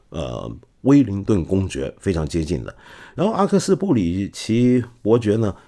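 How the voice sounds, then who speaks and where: Middle-aged man, low dark voice, lively storytelling, casual podcast host. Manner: animated, acts out quotes with laughs.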